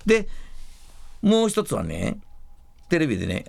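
A man hosting a show, chatting casually and retelling stories in an animated way with many fillers. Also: on the high side, unhurried, vocal fry, no room sound. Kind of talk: casual storytelling.

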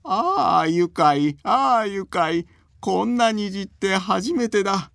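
A man voicing a frail, bedridden old man in a folk tale, speaking slowly in a high, quavering voice. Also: animated, gravelly, no echo, studio quality, full character voice. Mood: laughing. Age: older.

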